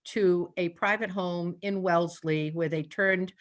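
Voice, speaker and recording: A woman's voice: fairly low pitch, steady tone, unhurried. An older woman, a guest animal communicator chatting in an interview, telling stories and laughing often. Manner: chatty storyteller, laughs often, plays out her animals' thoughts. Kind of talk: casual interview chat.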